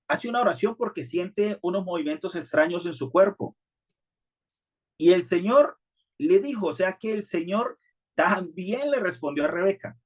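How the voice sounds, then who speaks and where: Man, pastor, sermon, earnest conversational delivery, somewhat high voice. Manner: earnest, conversational preaching with many restarts.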